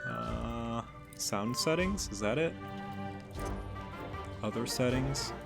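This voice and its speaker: A man's voice: mid-range voice, slow pace, gravelly. A man chats informally as he streams a game, with playful commentary. He takes his time, and faint music plays behind him. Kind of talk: casual livestream commentary.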